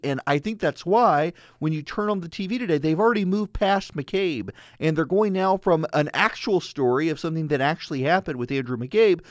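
A man's voice: a little high, dry recording. A male radio host talks in a conversational, opinionated way. His s sounds hiss slightly, and the recording is dry and close, with very little room sound. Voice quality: slightly hissing, sibilant s from dental braces. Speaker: radio talk show and podcast host. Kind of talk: conversational monologue and sponsor read.

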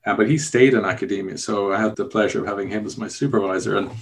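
Fast, gravelly Irish man. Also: on the low side, steady tone, a little hiss or hum. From Ireland. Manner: explanatory, rambling with restarts. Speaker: guest. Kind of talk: casual interview talk.

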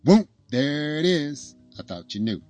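A man's voice: lowish voice, expressive, fairly quick, breathy edge, no room sound, soft background music. A man voicing a boastful, flamboyant middle-aged male doctor with a cocky, showy manner.

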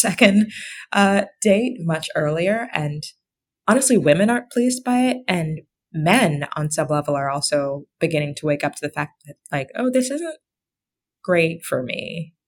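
A woman with a calming voice, an author explaining things informally as a guest in a conversational podcast interview. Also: low voice, normal speed.

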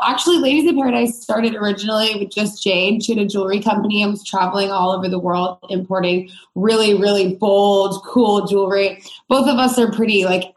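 A woman's voice: medium pitch, reverberant, low-quality recording. A woman creative director chatting as a podcast guest in a bubbly way, saying "like" often. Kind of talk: casual interview chat.

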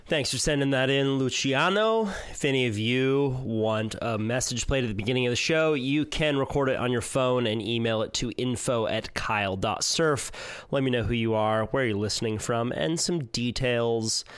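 A man's voice: medium pitch, moderate pace, smooth, dry recording. A man hosting his podcast talks through the show's intro in a loose, casual way, with many fillers and some swearing. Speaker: podcast host. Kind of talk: solo podcast intro monologue.

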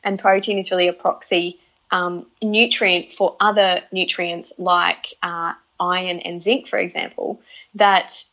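A woman's voice: lowish voice, little pitch movement, unhurried, pushed and bright. A woman with an Australian accent talking casually as an interview guest, often repeating words and restarting phrases as she thinks aloud. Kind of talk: relaxed conversational interview. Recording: slightly dull, lo-fi audio.

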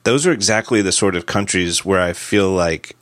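A man hosting a casual tech podcast, animated and quick to laugh as he spins out hypotheticals. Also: low-pitched, no room sound, clean studio sound. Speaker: podcast host.

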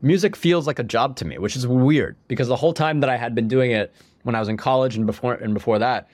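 A young man with a medium-pitched, darkish voice talks quickly in a dry recording. He's a musician guesting on a podcast, telling his story in a loose, rambling way packed with "like" and constant restarts. A cold leaves him a bit sniffly.

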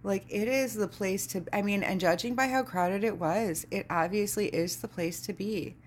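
A woman hosting a podcast, telling a story in a casual monologue, sardonic and animated, who laughs often and swears freely. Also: mid-range voice, normal speed, a little hiss or hum. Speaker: podcast host.

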